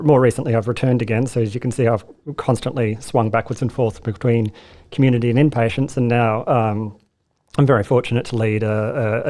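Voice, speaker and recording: An Australian man with a mellow, medium-pitched voice chats as a guest on a casual podcast interview. A speech and language therapist, he's self-deprecating and talkative, full of fillers and restarts.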